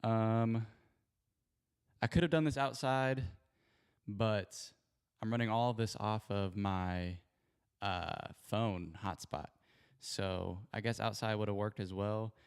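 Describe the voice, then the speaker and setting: A man's voice: lowish voice, fairly even intonation, takes it slowly, pauses often, smooth. A man hosting a sports show in casual livestream chat, rambling and apologetic, speaking into a handheld mic in an echoey home garage. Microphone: spare handheld mic.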